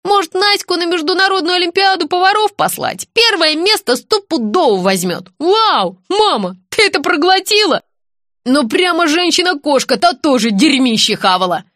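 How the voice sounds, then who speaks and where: A woman reading an audiobook, voicing a rude, mocking young male student who sneers loudly. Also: extremely high pitch, expressive, moderate pace, dry recording, clean studio sound, pitched above the performer's own voice.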